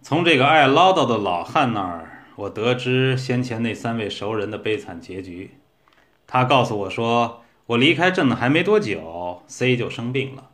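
Man reading a story aloud, measured. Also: mid-range voice, expressive, a bit bright. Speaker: narrator.

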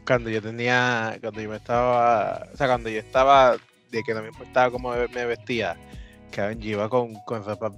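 A man's voice: mid-range voice, level tone, fairly quick, fairly bright tone, lo-fi sound, soft background music. A man with a Puerto Rican Spanish accent, chatting casually and teasing his co-host, with frequent swearing and English exclamations. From Puerto Rico. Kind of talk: casual chat.

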